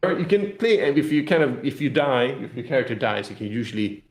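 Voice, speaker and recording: Very animated and brisk, with a mid-range voice, a man from a game publisher describes a tabletop game in a casual interview. He rambles loosely, explaining as he goes and hedging with "kind of," in a recording that's roomy and echoey.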